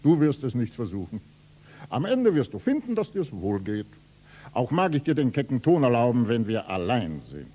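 An actor playing a gruff, domineering middle-aged count in a 1960s radio play, blustering in classic verse. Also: male voice, medium pitch, huge pitch swings, normal speed, warm tone. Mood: stern. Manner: blustering, commanding. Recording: reverberant old radio studio.

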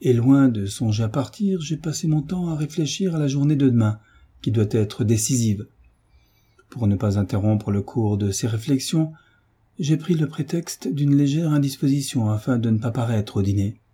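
A man reading aloud as a devoted gentleman, speaking with calm, earnest reassurance. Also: medium pitch, normal speed, breathy edge, natural voice. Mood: reassuring.

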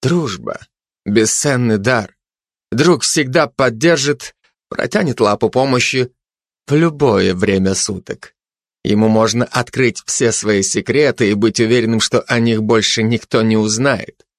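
A man's voice: mid-range voice, a little slow, no room sound, clean studio sound, lightly acted. A man voicing a scheming male dog who talks with smirking irony. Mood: ironic. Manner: ironic, smirking.

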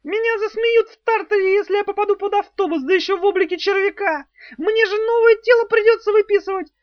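A panicked caterpillar demon. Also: male voice, very high-pitched, fairly quick, dry recording, pitched above the performer's own voice. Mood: panicked squeal. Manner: squealing, wailing, hysterical. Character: panicky shrill male demon turned giant caterpillar. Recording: dull, dry lo-fi audiobook recording.

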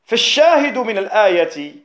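A man, a jurist, explaining a classical poem on rhetoric in a recorded lesson, repeating key phrases and slowing down on technical terms. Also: sits high, big pitch swings, fairly bright tone. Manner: slows down to stress technical terms. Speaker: Islamic jurist teaching rhetoric.

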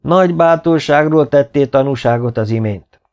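A man's voice: medium pitch, expressive, gravelly, a little mellow, dull audio, voice pushed up. A man voicing a commanding medieval king in an audiobook, proclaiming to his court in a raised voice. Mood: magnanimous. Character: commanding medieval king, stern but pleased.

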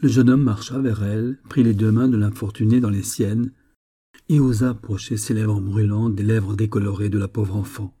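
A man narrating an audiobook story in a measured, expressive way. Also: lowish voice, husky.

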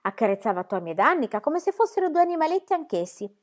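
A woman reading a children's novel aloud in an expressive, animated way. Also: sits high, fast talker. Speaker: reader.

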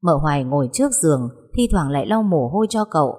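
A woman reading a story aloud in steady scripted narration. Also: sits low, fast, slightly rough. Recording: long hall reverb.

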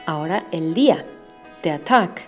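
Slow, patient woman teaching German words. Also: on the low side, animated, a little mellow, soft background music. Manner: patient, clearly enunciating drill prompts. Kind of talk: slow language lesson with repetition drills.

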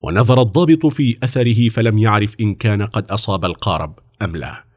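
A man narrating a children's story about a famous person's childhood in an expressive storytelling manner. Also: on the low side, quick pace.

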